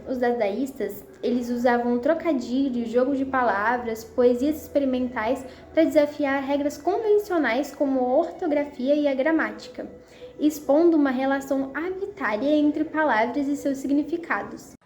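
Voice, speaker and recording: Young female student presenter, high mellow voice, echoey room with faint noise. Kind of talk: school presentation.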